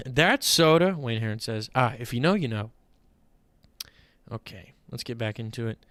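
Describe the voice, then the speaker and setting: A man hosting a casual fantasy football stream, chatty and animated, rambling with playful asides. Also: mid-range voice, normal speed. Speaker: fantasy football show host. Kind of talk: casual livestream commentary.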